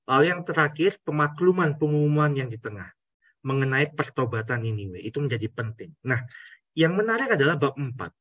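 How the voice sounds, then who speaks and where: Husky-voiced priest teaching Scripture. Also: male voice, on the high side, fairly bright tone, no room sound, dull audio. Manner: asks rhetorical questions, addresses the audience directly. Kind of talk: conversational Bible teaching.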